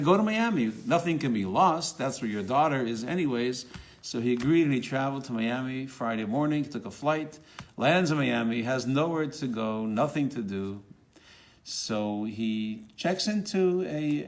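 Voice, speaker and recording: A man telling a religious story aloud, animated and rising in pitch for quoted dialogue, with fillers and restarts. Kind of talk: spoken storytelling.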